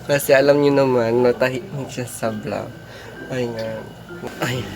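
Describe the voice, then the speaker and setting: A woman's voice: very deep voice, steady tone, unhurried. A woman hosting a casual couple vlog, teasing her partner and laughing often. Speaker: couple vlogger, host. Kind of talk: casual vlog chat with viewers. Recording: loud background music.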